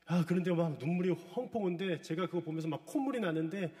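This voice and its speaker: A man's voice: high-pitched, fast talker, mellow. A middle-aged man preaching a sermon, telling a story with feeling and asking his listeners questions. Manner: storytelling, retelling a drama with emotion. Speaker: pastor. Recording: long hall reverb.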